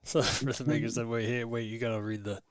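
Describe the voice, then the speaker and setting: A man's voice: medium pitch, little pitch movement, a little fast, no room sound, clean studio sound. A man hosting a casual podcast, laughing often and talking loosely with restarts. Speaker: podcast host.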